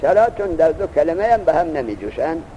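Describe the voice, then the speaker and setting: A man's voice: fairly high pitch, very animated, dark tone, slight background noise. A man teaching a seminary grammar lesson, reciting Arabic text and then explaining it patiently. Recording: dull lo-fi recording.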